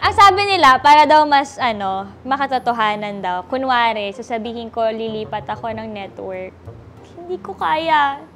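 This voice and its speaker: Excitable young Filipina vlogger. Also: female voice, a little high, moderate pace, a little hiss or hum. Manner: excitable, giggly, mixes Tagalog and English. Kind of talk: casual vlog chat.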